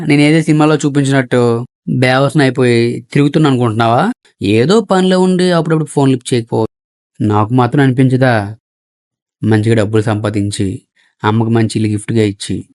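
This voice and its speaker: An actor playing an ambitious young aspiring film director, eager and defensive, in a short film. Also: male voice, medium pitch, a little mellow, dry recording, studio quality, lightly acted. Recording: film audio with background music.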